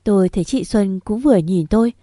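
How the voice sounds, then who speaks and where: A woman narrating a first-person story in a steady, even way. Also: medium pitch, fairly quick, dry recording, clean studio sound.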